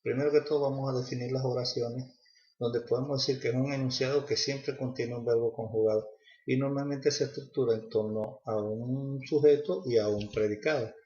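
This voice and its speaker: A man's voice: medium pitch, fairly even intonation, brisk, dark tone. A young man giving a class presentation on grammar, hesitant, with fillers and restarts. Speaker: student presenter. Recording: echoey, dull lo-fi room.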